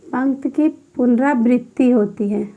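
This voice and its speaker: Slow, high-voiced woman teaching Hindi grammar. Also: phone-quality sound. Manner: repetitive, dictating slowly while writing. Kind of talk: exam-prep grammar lesson.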